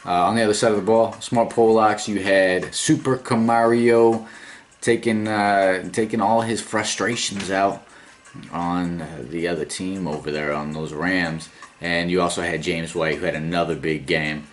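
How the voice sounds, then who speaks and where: A man's voice: deep voice, steady tone, a little slow, a little hiss or hum. A man hosting a casual recap as commissioner of his fantasy football league, laid-back and rambling, with fillers and small chuckles.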